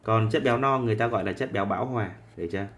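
A man's voice: fairly low pitch, rapid-fire, fairly bright tone. Male chemistry teacher. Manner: dictating, often checking in with students. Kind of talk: live online chemistry lesson.

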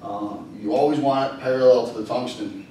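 A man's voice: medium pitch, fairly quick, mellow, a little hiss or hum. A man in his thirties teaching welding at a whiteboard, talking casually with plenty of ums and uhs. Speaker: welding instructor. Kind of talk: classroom lecture. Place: classroom at a whiteboard. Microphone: far camera. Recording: echoey classroom from far off.

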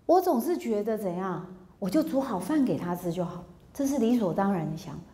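Speaking fairly quickly in a roomy-sounding space, a Taiwanese Mandarin-accented woman in her fifties lectures publicly about relationships. She acts out dialogue, laughs often and recounts personal stories with energy, her pitch medium.

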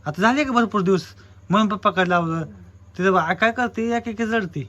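A young man speaks, and his voice sits high and bright. He coaxes gently, asking the same questions over and over. It is casual home-vlog talk. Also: moderate pace. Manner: gently coaxing, asks again and again. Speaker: husband and vlogger.

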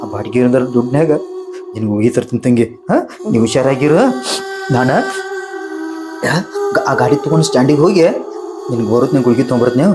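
A man's voice: mid-range voice, brisk, long pauses, lightly acted. A man playing a poor father and driver who soothes his sick daughter. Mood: tearful. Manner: soothing, choked with emotion. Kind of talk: short film acting. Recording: music under the dialogue.

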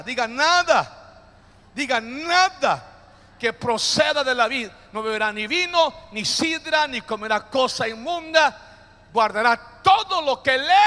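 Bright high-voiced preaching man, hall echo. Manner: preaching with call-and-response to the congregation; jokey, playful asides. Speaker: pastor. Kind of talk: sermon. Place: church hall. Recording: long hall reverb.

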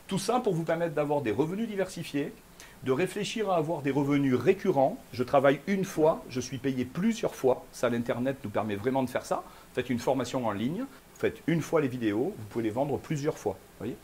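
A man speaking fast at a live conference keynote, pitch right in the middle of the range, firing questions at the crowd as he goes. A faint hiss of noise sits under his voice in the room. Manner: fast, lively, addresses the audience directly with questions. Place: conference room before an audience.

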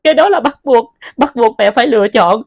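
A heartbroken mother, played by a woman, pleading in a halting way and stumbling over repeated words. Her voice is somewhat high. The sound is dry and close. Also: lively intonation, vocal fry, darkish tone, no echo, muffled recording. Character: grieving mother begging her dead daughter's forgiveness.

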